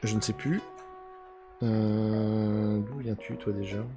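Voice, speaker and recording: A man's voice: on the low side, fairly even intonation, takes it slowly, music in the background. A man hosting a card unboxing in casual commentary, chatty and grumbling with a mock-angry edge.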